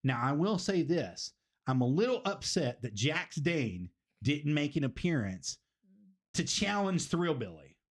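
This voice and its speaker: A man's voice: on the high side, big pitch swings, a little slow. A man, hosting a casual wrestling review stream and rambling, repeating phrases for emphasis. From Tennessee, US. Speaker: stream host.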